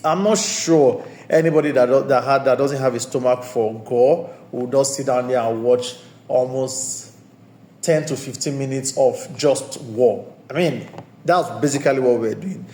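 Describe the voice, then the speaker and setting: A man talks through a film review in a loose, conversational way, looping back to repeat and stress his points. His voice sits at an ordinary middle pitch. The recording carries a noticeable roomy echo. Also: unhurried, a little mellow. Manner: discursive, circling back to restate points. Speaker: movie reviewer and channel host. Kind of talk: casual spoken movie review. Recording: roomy echoey room sound.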